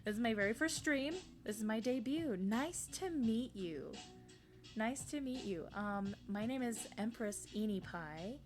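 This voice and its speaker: A woman streaming live, chatting casually with viewers, rambling and self-deprecating, sniffling, bursting into excited greetings as she reads the chat. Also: on the high side, measured pace, over music. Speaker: streamer debuting a virtual fairy-empress persona.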